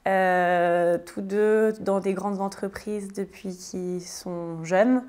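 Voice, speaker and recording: A French tiny house builder in her thirties answers interview questions as a guest, casually and with many hesitations and restarts. She speaks extremely slowly in a steady, mid-range voice that is a little mellow.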